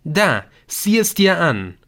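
A man voicing an excitable young man in an audiobook, talking urgently and emphatically. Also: fairly high pitch, slow, voice pushed up, full character voice. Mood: excited. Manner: urgent, emphatic, a little brash.

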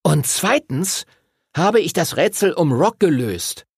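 A man's voice: fairly high pitch, very animated, slow, husky, no echo, clean studio sound, pitched above the performer's own voice, full character voice. A man voicing a clever bespectacled schoolboy who speaks in a precise, logical way. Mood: firm. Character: clever bespectacled boy, suddenly firm.

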